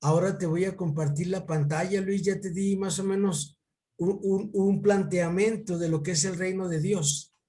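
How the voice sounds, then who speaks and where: A man giving an informal one-on-one Bible lesson over a video call, pausing and repeating words as he thinks and often calling his student by name. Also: sits high, steady tone, dark tone. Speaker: Bible teacher.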